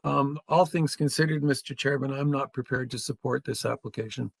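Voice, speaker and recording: A Canadian man on a planning committee giving measured, hesitant remarks at a public hearing. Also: mid-range voice, fairly even intonation, gravelly, no echo. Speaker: committee member.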